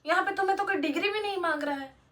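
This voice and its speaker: A very high-pitched, somewhat bright female voice rattles along at great speed. The young vlogger lectures her audience with blunt motivational advice in a casual chat to camera.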